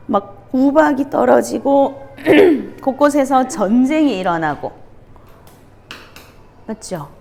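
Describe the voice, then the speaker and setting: A woman gives a children's sermon as a Sunday school teacher. Her voice sits high and leaps around expressively. She tells stories with animation and keeps firing questions at the kids. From Gyeongsang region of South Korea. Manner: animated storytelling, quizzing the children.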